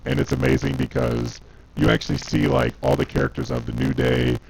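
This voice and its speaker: A man's voice: medium pitch, huge pitch swings, a little fast, gravelly, darkish tone, breathy edge. A man in casual chat, his voice coming through with a robotic, transformer-like distortion, rambling with many fillers. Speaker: podcast co-host.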